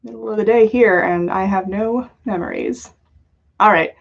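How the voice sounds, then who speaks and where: On a dull, lo-fi livestream, a podcast host chats playfully and jokes with her viewers. Her voice is creaky and medium-pitched, moving at a moderate pace.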